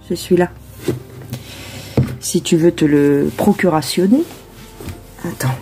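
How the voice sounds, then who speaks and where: A woman's voice: medium pitch, dark tone, slight background noise. A woman tarot reader chatting casually before a reading, rambling with many hesitations and asides to herself.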